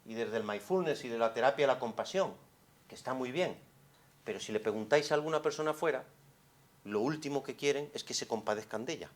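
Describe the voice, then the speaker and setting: A man from gives a psychologist's lecture in a conference hall, speaking into a microphone. His delivery is expressive and full of rhetorical questions. It drops to near hushed tones, then rises to carrying emphasis. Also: mid-range voice. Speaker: psychologist giving a conference talk.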